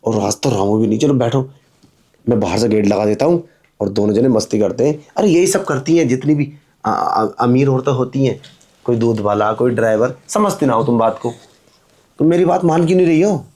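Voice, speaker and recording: A man's voice: medium pitch, fairly quick, a little mellow, natural voice. A man playing a pushy, leering young milkman. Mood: wheedling. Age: young adult. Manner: insistent, wheedling. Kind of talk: melodramatic audio drama.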